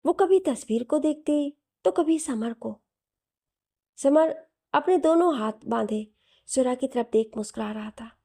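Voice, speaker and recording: A woman storyteller narrating a romance story in a steady, plain way. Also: high-pitched, measured pace, gravelly, no echo, clean studio sound.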